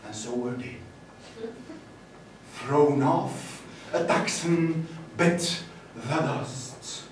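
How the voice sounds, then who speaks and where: A man from Belgium performing spoken-word poetry on a festival stage, swinging between chatty asides and sung or shouted lines. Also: mid-range voice, very slow, a little hiss or hum. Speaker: performance poet. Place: festival stage before a live audience. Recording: echoey hall, mic from far off.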